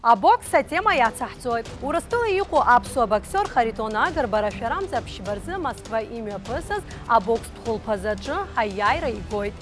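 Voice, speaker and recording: Lively female sports presenter over music. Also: fairly high pitch, moderate pace, hardly any pauses. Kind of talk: scripted news narration.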